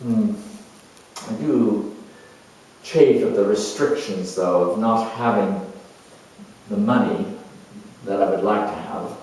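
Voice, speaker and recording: A New Zealand man performs a dramatized first-person monologue as a creative, sensual, reflective middle-aged sculptor and spiritual seeker, speaking haltingly, musingly and expressively with pauses, self-assured yet musing. His voice is lowish with a slight hiss or hum. The audience-facing performance is captured from far off in a very echoey room.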